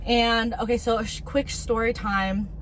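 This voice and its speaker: A young woman with a slightly high voice tells stories in an informal vlog style. She often acts out what people said. There is faint ambient rumble behind her. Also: fairly even intonation, normal speed, a bit bright, rough recording. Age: young adult. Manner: informal, frequent "like" and quoted dialogue. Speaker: vlog co-host. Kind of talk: casual chat and storytelling.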